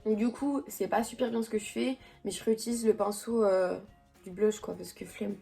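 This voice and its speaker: A woman's voice: mid-range voice, steady tone, moderate pace, vocal fry, dark tone, faint music behind. A young woman casually chatting through her makeup routine at home, rambling and slangy with lots of fillers and restarts. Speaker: beauty vlogger. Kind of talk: casual makeup vlog chat. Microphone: camera mic.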